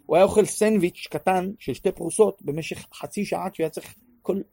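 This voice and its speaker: A man teaching a class on prayer in an animated way, acting out pleas and sometimes raising his voice to a shout. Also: high-pitched, gravelly, no room sound. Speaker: religious teacher.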